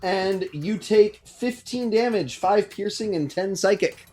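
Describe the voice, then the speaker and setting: A man's voice: high-pitched, unhurried, dark tone. A man narrating as game master of a tabletop game, slipping into menacing speeches for the people he describes.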